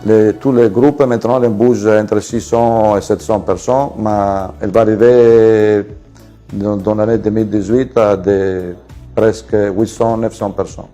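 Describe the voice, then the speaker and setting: Italian-accented businessman, dark low voice. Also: steady tone, soft background music. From Venice region, Italy. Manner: halting, many fillers and restarts. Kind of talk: presenting his company to camera.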